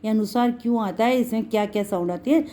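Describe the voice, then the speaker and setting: High-voiced woman teaching children patiently. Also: warm tone. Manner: patient, drawn-out explaining, addresses students as beta. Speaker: Hindi teacher. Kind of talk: children's lesson.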